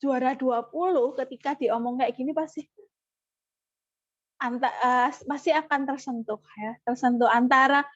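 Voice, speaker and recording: A woman leading an online parenting workshop, animated and acting out parent-child dialogues. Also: sits high, normal speed, dry recording, dull audio. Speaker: parenting trainer.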